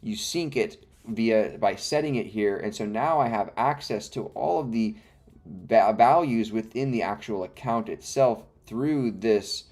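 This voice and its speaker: On his live coding stream, a man with a low, slightly mellow voice talks a little slowly while fighting the hiccups. His explanations wander and self-correct as he mutters through the code, with soft music and keyboard clicks behind him.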